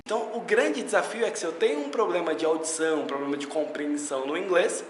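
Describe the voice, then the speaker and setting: A man's voice: sits high, fast, loud music behind the voice. Chatty Brazilian man teaching in a roomy space. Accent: Brazilian Portuguese. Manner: chatty, addresses viewer directly. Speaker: English teacher. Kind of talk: casual video lesson.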